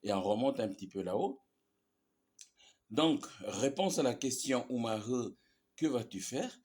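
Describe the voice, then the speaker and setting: A man's voice: mid-range voice, expressive, unhurried, a little mellow. A man teaching a language lesson, explaining grammar patiently and repeating each example with frequent "ok?" checks.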